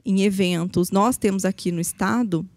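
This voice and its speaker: Speaking earnestly yet with frequent hesitations, a woman from Brazil's Paraná region describes her role as a federal public defender in a podcast interview. She has a mid-range, slightly mellow voice, a moderate pace, and no echo around her.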